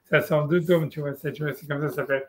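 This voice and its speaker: A man's voice: on the high side, fairly even intonation, rapid-fire. A middle-aged man in casual chat, rambling with many restarts as he explains his study groups.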